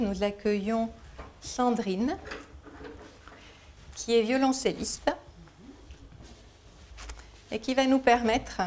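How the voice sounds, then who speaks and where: A woman's voice: a little high, darkish tone, slight background noise. Woman giving a patient explanatory lecture. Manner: patient, explanatory, works through everyday examples. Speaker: lecturer at a Montessori school conference. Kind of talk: conference lecture.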